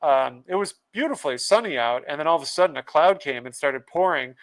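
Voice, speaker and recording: A man's voice: on the high side, animated, brisk. A man hosting a casual livestream podcast, laughing often and reading out viewers' comments. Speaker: podcast host.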